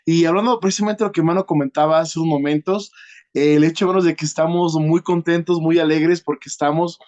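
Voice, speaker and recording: Guy preaching a sermon, kinda high voice, earnest, keeps talking right to the congregation, lots of ums and pauses. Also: fairly even intonation, darkish tone, highs cut off. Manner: peppers nearly every phrase with a direct address to the congregation; earnest, with drawn-out pauses and filler sounds. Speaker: guest preacher.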